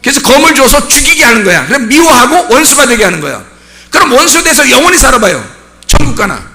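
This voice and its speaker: Male pastor, sermon, very high bright voice, emphatic, rhetorical questions. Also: very animated, quick pace. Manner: bursts into shouting on key points.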